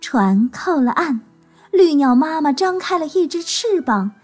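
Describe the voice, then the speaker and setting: A woman telling a children's story in a gentle, expressive way. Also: high-pitched, unhurried, faint music behind.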